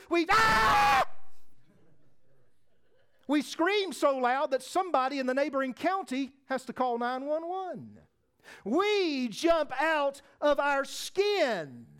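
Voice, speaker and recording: A high-voiced male pastor delivering an impassioned sermon in church. He shifts between hushed, pleading appeals and loud, rousing shouts, often drawing out his words.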